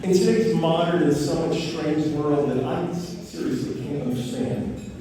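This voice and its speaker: A middle-aged man giving a father of the bride speech to wedding guests, speaking emphatically with halting pauses. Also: on the high side. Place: large reverberant wedding reception room. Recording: echoey noisy hall, distant microphone.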